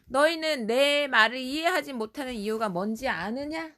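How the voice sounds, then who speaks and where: A woman's voice: high-pitched, normal speed, pushed and bright, voice pushed up. A woman doing a stern, solemn preacher man. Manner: firm and declaiming.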